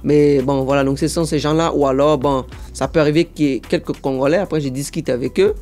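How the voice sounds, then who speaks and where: A man's voice: on the high side, a little fast, soft background music. A young man talking casually as a guest in an interview, telling stories and dropping into voices now and then. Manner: lively storyteller, slips into voices and accents. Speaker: guest, impressionist.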